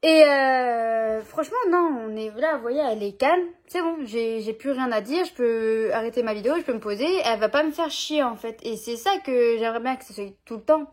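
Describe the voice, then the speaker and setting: A young woman with a slightly high voice talks casually to her camera at home. Her speech is loose and slangy, full of little fillers and restarts, like an easygoing vlog chat. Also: a little fast, hardly any pauses. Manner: chatty, informal, slangy, frequent fillers. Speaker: vlogger.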